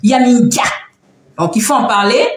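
Animated woman chatting live in an echoey room. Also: a little high, moderate pace. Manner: animated, teasing, laughs often. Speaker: live-stream host. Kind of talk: casual live-stream chat. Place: at home. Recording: very echoey room, faint background noise.

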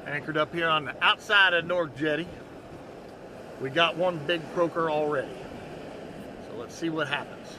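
A man, a charter fishing captain giving loud, excited commentary and coaching on an open boat, recorded on an action camera. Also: fairly high pitch, normal speed, pauses often. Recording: outdoor boat noise. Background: wind and water noise.

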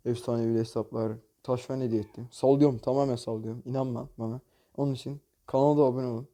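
A man's voice: mid-range voice, flat delivery, fast, mellow. A man hosting a gaming channel, commenting on opening loot boxes in a mobile game, exasperated and jokey, often cursing at the game.

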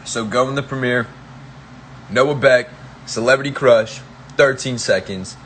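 A man's voice: medium pitch, unhurried, fairly bright tone, a little hiss or hum. A young man livestreaming from his phone, hyped and urgently repeating commands to his viewers. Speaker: social media livestreamer. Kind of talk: casual livestream chat.

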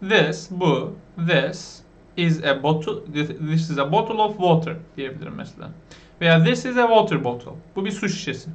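High-voiced Turkish man teaching English words. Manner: asks the viewers questions, repeats the words slowly. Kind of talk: vocabulary lesson for beginners.

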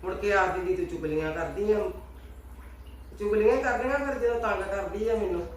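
A woman's voice: medium pitch, normal speed, slight background noise, close to an everyday voice. A woman playing a quarrelsome, grumbling mother-in-law in a family skit, recorded far from the mic in an echoey space. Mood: complaining. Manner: scolding, complaining. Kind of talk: amateur family sketch acting. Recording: echoey, distant phone mic.

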